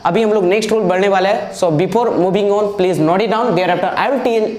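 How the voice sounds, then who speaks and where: In a video classroom lecture, a man teaches English grammar, drilling pronunciation by repeating words over and over for students to copy, mixing English into his talk and scolding those who don't follow along. His voice sits high with a darkish tone and an unhurried pace, in an echoey room with slight background noise.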